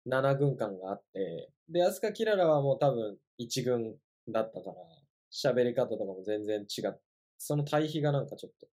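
A young man co-hosts a laid-back podcast in an easy, blunt, teasing way. His pitch moves animatedly even as he stays relaxed. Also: moderate pace. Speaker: podcast co-host. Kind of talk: casual chat.

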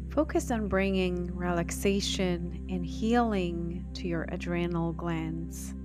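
A woman guides a meditation in a soft, soothing near-whisper. Her voice sits a little low and moves very slowly, with long pauses between phrases. Prominent new-age music plays behind her. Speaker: health astrologer and meditation guide.

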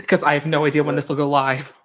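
A man from Long Island, a guest on a podcast, chatting casually with quick asides. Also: fairly high pitch. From Long Island, New York. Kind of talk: casual chat.

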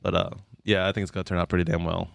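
Male co-host, quick and blunt, low register, dry close-mic sound. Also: flat delivery, creaky, no room sound. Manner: quick, blunt, swears casually. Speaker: podcast co-host. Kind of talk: casual chat.

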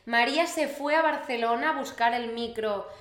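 A woman from Spain co-hosting a podcast, lively and emphatic with a teasing edge. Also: a little high, normal speed, echoey room. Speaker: podcast co-host. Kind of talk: casual chat.

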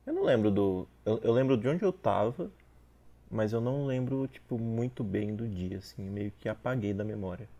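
A man hosting a podcast, talking casually in a hesitant, halting way with lots of fillers. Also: on the low side, lively intonation, mellow, dull audio. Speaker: podcast host.

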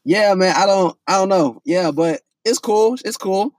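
A young man telling a story in a casual, profane, animated way, full of restarts. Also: sits high, unhurried, no room sound.

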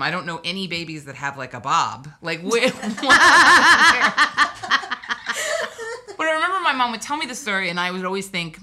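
A woman from Hawaii chats on a podcast. Her voice sits a little low but sounds bright and forceful. She tells personal stories in a wry, digressive way, full of asides. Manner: chatty, wry storytelling with asides. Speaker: podcast guest. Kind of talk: casual podcast chat.

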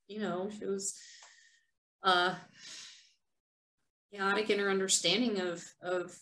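A woman reading her own poem and then talking it over in a soft, unhurried, reflective way. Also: on the low side. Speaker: vlogger sharing her poems. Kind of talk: poetry reading and reflective talk. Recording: echoey room.

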